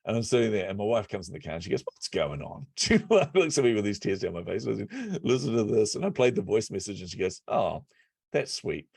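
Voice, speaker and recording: A man telling stories as a podcast guest and business coach, energetic and laughing often. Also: fairly low pitch, fast talker, gravelly, few pauses, breathy edge, no room sound, studio quality. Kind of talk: casual interview chat.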